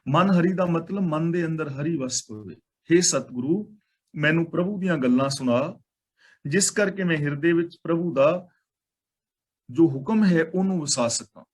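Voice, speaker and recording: A man with a Punjabi accent teaching Sikh scripture line by line. He intones each verse slowly, then explains it in plain everyday talk with some English words mixed in. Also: on the high side, husky.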